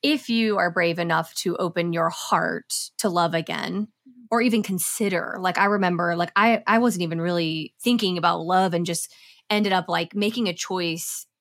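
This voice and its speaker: A woman talking as a podcast guest in a somewhat low voice. She speaks candidly and with passion, and swears freely. Her talk is casual and unscripted. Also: normal speed, a bit bright. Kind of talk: casual interview chat.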